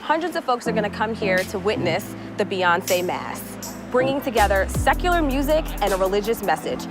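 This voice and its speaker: Lady reporter doing a news bit, mid pitch, music going loud behind her. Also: very animated, normal speed.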